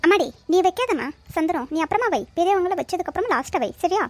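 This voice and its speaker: A woman's voice: very high voice, big pitch swings, fast talker, no echo. A woman voicing a fussy, bossy aunt in a cartoon, ordering a young girl about with impatience. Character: fussy older aunt at a family function, bossy.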